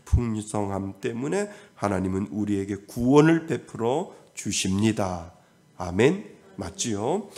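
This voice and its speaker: Korean pastor preaching, questioning the congregation. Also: male voice, lowish voice, a little mellow. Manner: asks the congregation questions and acts out God's words. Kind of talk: sermon.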